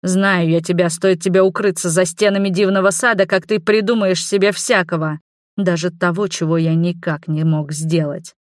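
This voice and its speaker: Woman narrator playing an insistent young male lover, low, deliberate, dry audiobook sound. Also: steady tone, no echo, natural voice. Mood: insistent pleading. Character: passionate young man, a stubborn lover.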